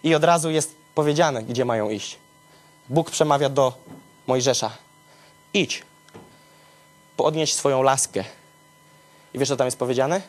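A man preaching in an animated storytelling style, talking straight to his listeners and swinging from low murmurs to high exclamations. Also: measured pace, pauses often, soft background music.

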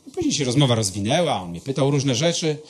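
A pastor giving a sermon, telling personal stories in a lively, conversational way and speaking straight to his listeners. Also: medium pitch, fast talker.

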